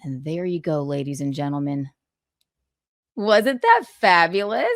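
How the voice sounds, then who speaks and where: A low-pitched woman with big pitch swings talks a little slowly on her livestream, alternating casual chat with book readings full of gloating, sarcastic, theatrical emphasis. The studio-quality recording has no echo.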